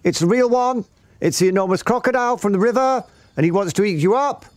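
A man's voice: sits high, fast, no room sound, voice pushed up, lightly acted. A man voicing a roly-poly storybook bird, singing out urgent warnings in a sing-song call. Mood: urgent, alarmed.

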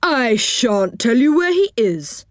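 A woman's voice: on the high side, sing-song, takes it slowly, dry recording, studio quality, voice pushed up. A woman voicing a stern, stubborn toy policeman in a storybook reading. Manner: stern, refusing.

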